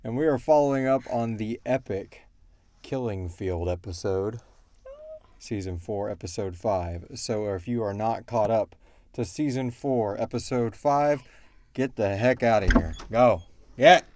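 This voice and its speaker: This fairly low, darkish male voice moves at a measured pace in a dry recording. He's the creator and host of a casual Q&A podcast, chatting informally with jokes and slang.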